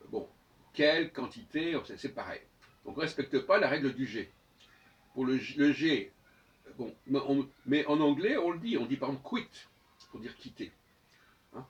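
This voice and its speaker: A man's voice: medium pitch, dull audio. Hesitant man lecturing from a distance. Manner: hesitant, restarts phrases, frequent "euh" and "hein"; spells letters out slowly. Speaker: speaker of his own channel. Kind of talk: unscripted spoken lecture.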